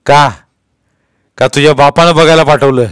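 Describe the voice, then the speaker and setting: A man's voice: on the high side, steady tone, moderate pace, smooth, dry recording, voice pushed up, natural voice. A man reading a story aloud, voicing a stern, bullying police inspector who barks questions. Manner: barking, interrogating.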